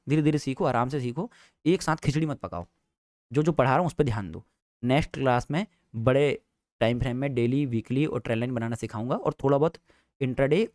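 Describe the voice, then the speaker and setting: A man's voice: medium pitch, a little mellow, no room sound, studio quality. A man teaching a live trading class in a chatty, teasing way, repeating each point. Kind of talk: casual live class lecture.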